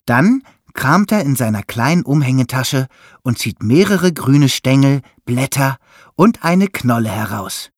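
A man reading a children's story aloud in a lively, expressive way. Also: medium pitch, unhurried, no echo, clean studio sound. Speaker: narrator.

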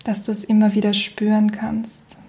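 In this guided meditation, a woman's medium-pitched voice is hushed, breathy and close to a whisper. Her tone is tranquil and comforting, and she lets long pauses settle between her words.

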